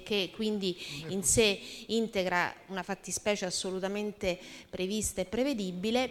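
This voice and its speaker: A woman answering as a councillor for a portfolio in a formal council meeting, measured and bureaucratic, with hesitant fillers. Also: mid-range voice. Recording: echoey council chamber.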